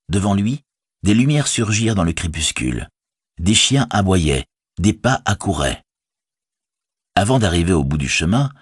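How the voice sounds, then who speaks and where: A man reading a story aloud as an audiobook narrator, with lively storytelling. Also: deep voice, slightly rough, no echo, studio quality.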